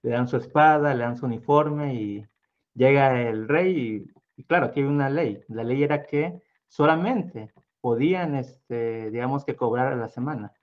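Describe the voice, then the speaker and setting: A man's voice: mid-range voice, moderate pace, muffled recording. A man telling a story casually as a guest, meandering with fillers and acting out the voices. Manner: meandering, lots of fillers and restarts, acts out voices.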